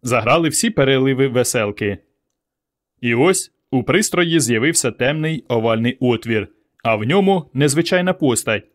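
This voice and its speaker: A man narrating a story in a steady, scripted audiobook reading. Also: medium pitch, moderate pace.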